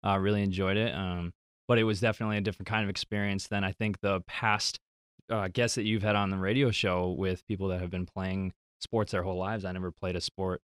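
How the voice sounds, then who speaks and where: Low, smooth-voiced young man. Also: flat delivery, fairly quick, dry recording, studio quality. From Wisconsin. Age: 20s. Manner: earnest, polite, thankful. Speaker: radio show guest. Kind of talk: casual interview answers.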